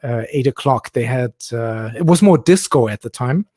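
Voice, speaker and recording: A man's voice: mid-range voice, normal speed, dry recording. Man in his forties, dry sound. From Germany. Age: 40s. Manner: relaxed storytelling, laughs often. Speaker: guest DJ. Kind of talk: casual chat.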